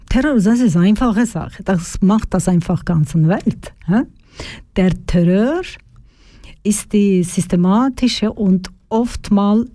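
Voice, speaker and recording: A woman radio host speaking simple, in a slow, reflective way. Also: mid-range voice, warm tone, no echo. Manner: simple non-native German, slow and reflective. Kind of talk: casual radio talk.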